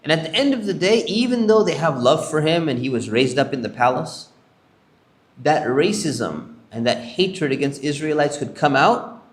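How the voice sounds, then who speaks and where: A sheikh with a voice on the high side tells prophet stories to a congregation in an Islamic center hall, acting out the characters' lines as he goes in a storytelling lecture. The room is echoey.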